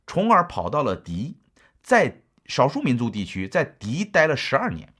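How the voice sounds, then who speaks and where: Middle-aged male history lecturer, chatty storyteller with a husky voice and very lively intonation. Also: mid-range voice, moderate pace. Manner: chatty, asks the listener rhetorical questions.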